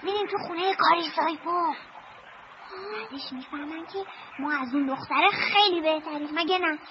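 Woman dubbing a calm soothing young boy, film dub, very high voice, light hiss. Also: dull audio. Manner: soothing and reasoning.

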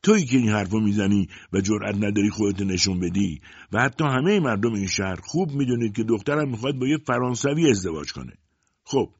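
A man voicing a proud, quick-tempered older father who talks loud and forcefully. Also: mid-range voice, dry recording, lo-fi sound, voice pushed up.

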